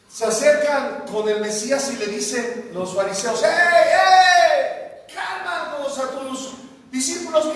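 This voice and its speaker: Emphatic pastor in an echoing hall. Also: male voice, sits high, slight background noise. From Mexico. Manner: emphatic, often quotes the crowd with rising exclamations. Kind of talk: sermon. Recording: roomy hall reverb, distant mic.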